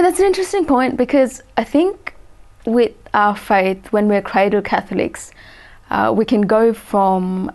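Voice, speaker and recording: A woman in her forties from Sri Lanka, a guest in an interview, speaking thoughtfully with many pauses and restarts. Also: mid-range voice, creaky, a little mellow. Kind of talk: interview conversation.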